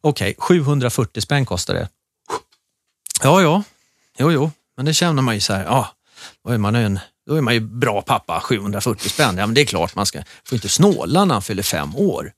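A man's voice: fairly low pitch, very animated, no room sound. A man in his thirties co-hosting a podcast, telling stories in a casual, chatty way with many restarts. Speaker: podcast co-host. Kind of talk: casual chat.

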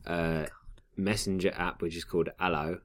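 A man's voice: deep voice, steady tone, moderate pace. A man hosting a tech podcast, explaining the news casually in long, loose runs. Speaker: podcast host.

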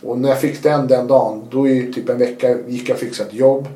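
A man, a guest telling his story in a casual interview, animated and acting out what people said. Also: mid-range voice, echoey room. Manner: animated, acts out quotes with sudden loud bursts.

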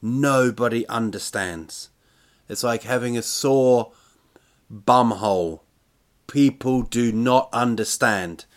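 A man's voice: medium pitch, unhurried. A man in his forties hosting a solo podcast in a casual, meandering way, hesitant, self-deprecating and prone to swearing. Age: 40s. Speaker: podcast host and touring comedian.

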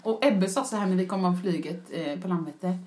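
Woman, podcast co-host, casual chat, animated storytelling, roomy echo. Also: on the low side. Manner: animated storyteller, acts out quotes with laughter.

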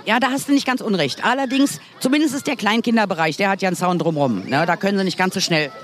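A woman's voice: medium pitch, quick pace, slight background noise. A woman hosting a casual street reportage, chatty and rambling with a playful way of talking. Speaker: podcast reporter and host. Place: outdoor urban public square.

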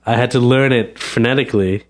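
A man who owns a restaurant chats casually as an interview guest, often restarting and repeating words. He's from the United States and speaks a little fast in a mid-range voice.

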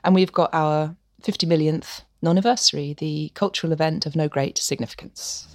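A woman co-hosts a culture podcast in easy, opinionated conversation, laughing often. Her voice sits very low for a woman. The recording is close and dry. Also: fairly even intonation, a little fast, a little mellow, no room sound. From England. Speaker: podcast co-host. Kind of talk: casual chat.

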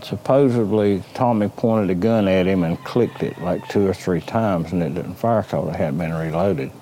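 A man, recounting events in a halting, plain-spoken, folksy way. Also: low-pitched, warm tone, a little hiss or hum. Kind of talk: recounting in an interview.

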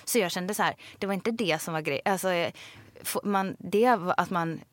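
A woman co-hosting a podcast in a studio, telling a long story in a casual chat and acting out the retorts in it. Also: lowish voice. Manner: lively storytelling with quoted retorts. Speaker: podcast co-host.

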